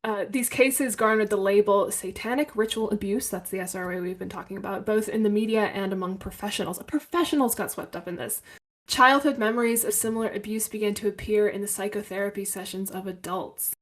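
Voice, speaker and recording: Woman cohost on a podcast, medium pitch, blunt and emphatic. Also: a little fast. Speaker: podcast co-host. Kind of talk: casual podcast chat.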